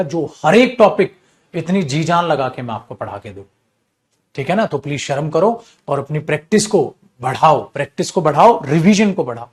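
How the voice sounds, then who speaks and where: Young hindi-accented guy teaching, kinda high voice, scolds and lectures the class hard. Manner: scolding, emphatic, calls students beta. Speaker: English teacher.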